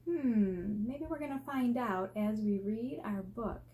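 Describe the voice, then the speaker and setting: Reading a picture book aloud with explanatory asides, an American elementary teacher speaks slowly in a fairly high-pitched voice. She's expressive and teacherly, emphasizing key words and posing questions to the young children listening.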